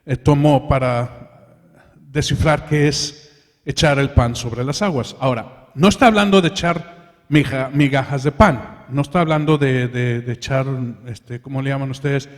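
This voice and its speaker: A man's voice: mid-range voice, a little slow. A man preaching a sermon in church, calling his listeners brothers and leading them in prayer. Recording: reverberant hall.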